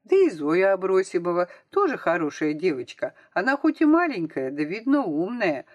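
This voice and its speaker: A shy little schoolgirl who talks quietly and hesitantly, as a woman reads her in a storybook. The voice stays lively, with a wide swing in pitch. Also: normal speed, no room sound, studio quality. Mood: thoughtful.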